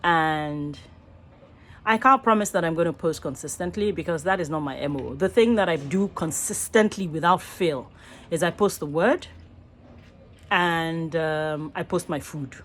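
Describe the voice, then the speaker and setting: Her low-pitched voice moves at a measured pace over slight background noise. She's a middle-aged Nigerian woman who acts and does voice work, reflecting in a wandering, sincere selfie vlog from a small room and often rephrasing herself, with the phone at arm's length.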